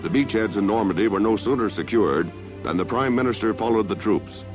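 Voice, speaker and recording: A man's voice: fairly low pitch, expressive, brisk. A man narrating an old 1960s newsreel in a declamatory, stately manner, heard on a film soundtrack. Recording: dull lo-fi 1960s newsreel audio with music.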